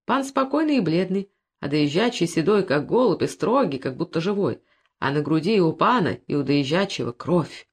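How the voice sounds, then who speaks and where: A woman reads classic prose aloud as an expressive storyteller. Her pitch moves widely and freely through the tale. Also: normal speed, husky. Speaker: audiobook narrator. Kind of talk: classic prose audiobook reading.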